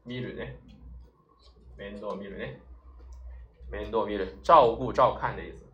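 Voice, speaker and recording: A man teaching a vocabulary lesson, leading his students through each word with rhetorical questions and drawn-out fillers. He sits some way from the microphone, so his voice carries a roomy echo. A faint ambient hum stays underneath. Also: lowish voice, recorded from a distance, muffled recording. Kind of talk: explaining Japanese vocabulary in Chinese.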